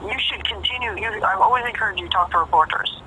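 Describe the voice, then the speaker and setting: A woman's voice: mid-range voice, fast talker, bright, forceful tone, a little hiss or hum. A woman talking casually on a phone call, emphatic and profane, repeating phrases for stress. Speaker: caller.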